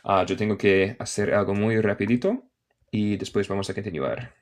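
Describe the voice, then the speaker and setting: A man's voice: fairly low pitch, normal speed, a little hiss or hum. A man from Michigan with an American accent, a native English speaker teaching in Spanish, who reads a story word by word, then repeats and translates it. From Michigan, United States. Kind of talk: live reading lesson, chatting with viewers.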